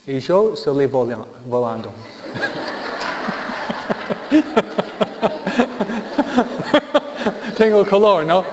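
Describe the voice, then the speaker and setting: A man's voice: mid-range voice, sing-song, normal speed, few pauses, very noisy. A male preacher giving a humorous sermon, joking and keeping his audience engaged with tag questions. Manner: jokey, keeps asking the listeners "¿no?". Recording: dull lo-fi recording in a reverberant hall.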